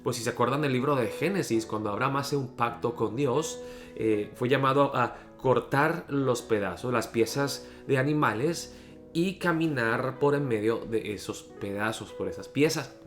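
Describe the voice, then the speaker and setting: A man's voice: mid-range voice, normal speed. A man preaching a daily devotional with earnest teaching, reading scripture aloud and explaining it. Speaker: pastor. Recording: faint guitar music behind.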